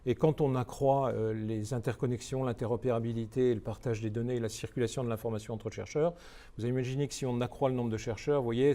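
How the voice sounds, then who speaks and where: A man's voice: medium pitch, dark tone. A middle-aged man from France giving a training lecture, hesitant with many fillers and restarts.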